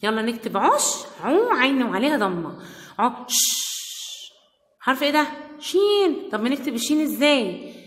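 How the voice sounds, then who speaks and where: Egyptian woman teacher, kindergarten phonics, high animated sing-song voice, roomy echo. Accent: Egyptian Arabic. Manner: slow, sing-song drilling of sounds and words. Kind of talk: recorded phonics lesson for young children. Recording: echoey room with long reverb.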